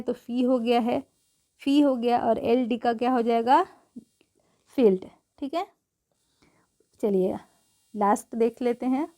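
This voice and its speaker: A woman's voice: on the high side, a little mellow. A woman teaching English pronunciation rules in a patient way, spelling words out letter by letter and often checking that the listener has understood. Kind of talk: spelling-rule lesson.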